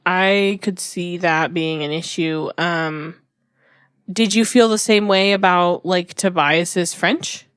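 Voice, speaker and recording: A woman's voice: fairly low pitch, steady tone, slow pace, a bit bright, clean tone, no echo, clean studio sound. A woman hosting a casual book podcast, rambling and correcting herself as she talks. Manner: rambling, restarts and self-corrections. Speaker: podcast host. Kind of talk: casual chat about books.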